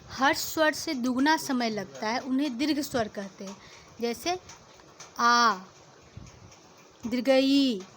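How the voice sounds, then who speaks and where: A woman's voice: high voice, a little hiss or hum. A woman teacher explaining a lesson step by step to children and reciting letters one by one. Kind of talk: classroom lesson.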